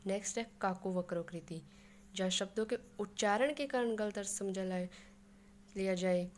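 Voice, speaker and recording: Going through examples one step at a time, a woman teaches Hindi grammar in a mid-range voice at a moderate pace, mixing English words into her Hindi. Slight background noise can be heard.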